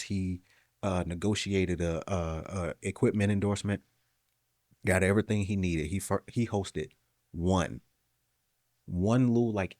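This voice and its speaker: A man talking casually on a podcast, telling animated, motivational stories. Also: low voice, dry recording, studio quality.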